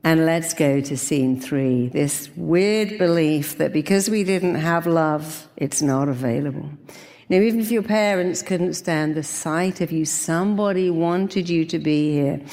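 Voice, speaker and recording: A woman's voice: sits low, dark tone, big-room sound. A woman giving an emphatic, commanding motivational seminar speech, using short repeated phrases to lead affirmations. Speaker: motivational speaker leading affirmations. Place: large hall with an audience.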